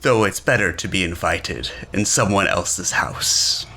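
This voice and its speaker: A man voicing a booming, coolly inviting dungeon host in a tabletop game. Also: sharp tone, a little hiss or hum, full character voice. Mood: commanding, inviting. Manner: slow, booming delivery.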